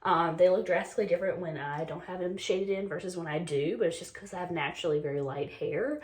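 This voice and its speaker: This beauty vlogger, a North Carolina woman in her twenties, talks fast in a lowish voice. She's a bit sick and losing her voice as she chats casually through a get-ready-with-me makeup routine, saying "like" and "um" a lot.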